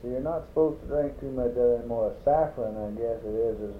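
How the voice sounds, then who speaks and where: A man's voice: mid-range voice, brisk. An older man, chatting and reminiscing in a blunt, plain-spoken way. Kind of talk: casual chat, reminiscing. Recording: echoey, phone-like, faintly noisy room recording.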